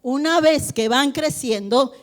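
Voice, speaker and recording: Woman pastor preaching, high pitched, lively, acts out dialogues, echoey church hall. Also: slow pace. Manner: animated, acts out family dialogues. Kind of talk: sermon.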